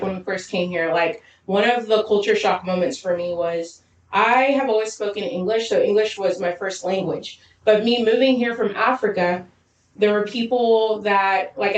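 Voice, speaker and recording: A woman from Zambia co-hosting a podcast, telling stories quickly and lively with frequent laughs. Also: mid-range voice. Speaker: podcast co-host. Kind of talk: casual chat. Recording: roomy echo, distant mic.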